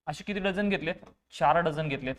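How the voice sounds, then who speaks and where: A man's voice: fairly high pitch, a little fast. A man teaching an online math lesson, explaining patiently step by step. He repeats key phrases and asks questions that he then answers himself. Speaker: exam-prep teacher.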